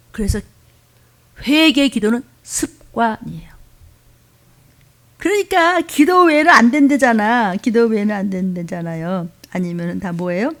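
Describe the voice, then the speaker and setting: A woman pastor preaching a sermon. She leads the congregation in call-and-response, acts out quoted voices, and swings between loud exclamations and hushed whispers. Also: mid-range voice, creaky.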